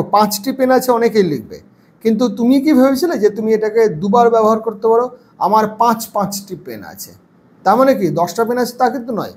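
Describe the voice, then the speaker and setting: Man teaching English grammar slowly. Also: extremely high pitch. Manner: reads English sentences slowly, then translates and explains. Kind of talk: explaining grammar lesson.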